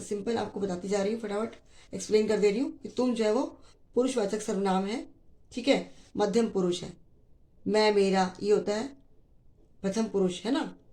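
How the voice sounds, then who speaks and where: A woman's voice: medium pitch, dark tone. A woman teaching a grammar lesson to school students, explaining patiently and repeating key phrases, with mixed in. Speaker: Hindi teacher.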